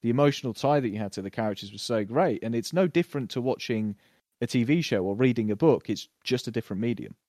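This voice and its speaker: A man in casual conversation on a podcast, talking through a TV series with lots of fillers and quick bursts of acted-out lines. His voice sits in a middle register and sounds dry and close, with no room around it. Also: mid-range voice, dry recording. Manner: animated, puts on quick voices when retelling scenes. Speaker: podcast co-host. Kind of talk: casual TV review chat.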